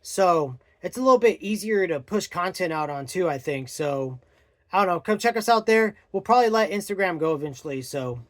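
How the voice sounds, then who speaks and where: A young man with a fairly high voice chats through a book review in a loose vlog style. He rambles, restarts his sentences and fumbles for names as he goes. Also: expressive, a little fast, a bit bright. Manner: rambling, searches for words, many fillers.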